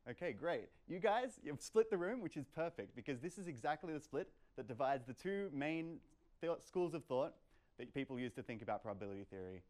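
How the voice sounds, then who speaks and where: A young man's fairly high, sing-song and slightly mellow voice moves at a brisk pace as he gives an informal meetup lecture. Indoors in a medium-sized lecture room, he takes audience questions and keeps things playful and conversational, with plenty of "like" and "kind of."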